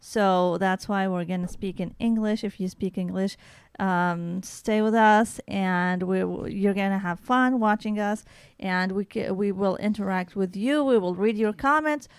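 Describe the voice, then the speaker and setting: Brief: young woman host, chatty and smooth, dry close mic. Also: medium pitch, measured pace, no echo. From Iraq. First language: Arabic. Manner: chatty, switches between English and Arabic. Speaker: podcast host. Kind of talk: casual chat. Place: home podcast setup in Ohio.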